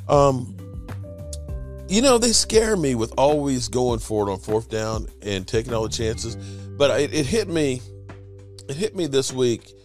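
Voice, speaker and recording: A man hosting a casual sports podcast, joking around and swearing freely. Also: medium pitch. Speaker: podcast host. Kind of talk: casual chat.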